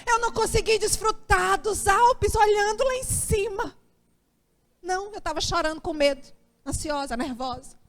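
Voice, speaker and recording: A woman pastor with a Brazilian Portuguese accent and a very high voice preaches at normal speed. In this sermon testimony she shares a personal story, acting out her own anxious prayers.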